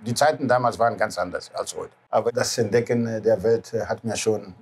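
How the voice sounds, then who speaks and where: Over background music, a Greek man in his sixties, a cruise ship captain, talks about the past in a lowish, brisk voice. His casual non-native speech carries a Greek accent, loose grammar and frequent short questioning tags.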